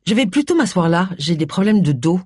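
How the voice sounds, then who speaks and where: A woman's voice: lowish voice, sing-song, brisk, mellow, breathy edge, dry recording, studio quality. A reader voicing a nosy, blunt middle-aged woman detective who speaks insistently.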